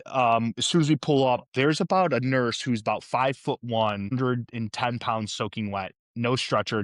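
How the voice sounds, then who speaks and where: A man's voice: mid-range voice, a bit bright, dry recording. A young man, a former police officer telling a vivid, profane story in a podcast interview.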